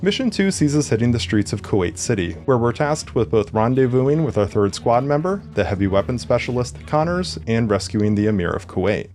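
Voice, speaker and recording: A man's voice: mid-range voice, very animated, a little fast, few pauses, a little mellow. A man giving a wry, conversational scripted narration as a video game reviewer. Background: background music.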